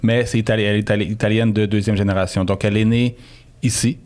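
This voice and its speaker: A man's voice: lowish voice, little pitch movement, quick pace, darkish tone. A middle-aged man with a Québécois French accent, a guest chatting casually in an interview, rambling with many restarts and fillers. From Quebec, Canada.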